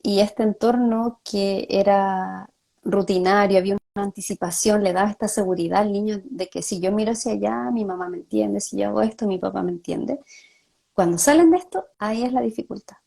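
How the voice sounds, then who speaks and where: A woman speech therapist talks through a live-streamed chat. Her voice is mellow and low in brightness, with a gravelly fry. She explains patiently and slips into the voices of the parents she quotes. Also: brisk. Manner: explanatory, acts out parents' words.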